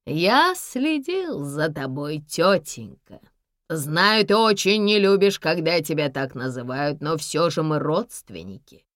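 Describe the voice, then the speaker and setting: A cold, mocking older villain with a lowered, forceful voice , as a woman reads him out. He barks threats with lively swings in pitch, in a dry, close audiobook sound. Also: takes it slowly, no room sound, full character voice. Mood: menacing. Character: ruthless older man, menacing villain with a revolver.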